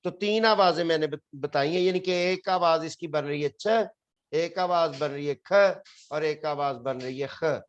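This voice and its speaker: A man's voice: fairly high pitch, measured pace, dull audio. A man teaching an English spelling lesson in a classroom, explaining patiently and repeating each word. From Pakistan. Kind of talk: classroom lecture.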